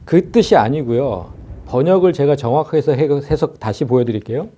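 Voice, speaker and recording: Pastor preaching expository sermon; warm low timbre, swinging pitch, acts out scolding lines. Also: male voice, fairly quick. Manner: lively expository preaching, acts out scripture speakers in a scolding informal tone. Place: church.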